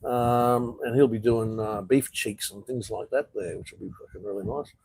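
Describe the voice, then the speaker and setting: A man's voice: fairly low pitch, fairly even intonation, normal speed, a little mellow, slightly rough, low-quality recording. An Australian man hosting a casual live chat, reading viewer comments and answering bluntly, swearing often and calling people "mate".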